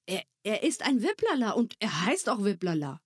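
A woman reading a story aloud, voicing an eager young boy who pleads in a slow, drawn-out way. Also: medium pitch, big pitch swings, slightly rough, no room sound, clean studio sound, voice pushed up. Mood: curious.

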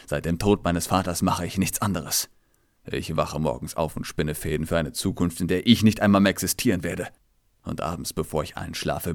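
A brooding, bitter young king in a fantasy audiobook, as a male narrator does him, low-voiced and quietly intense. The voice sits deeper than the narration, close and dry. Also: dry recording. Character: brooding, bitter young king, haunted by his father's fate.

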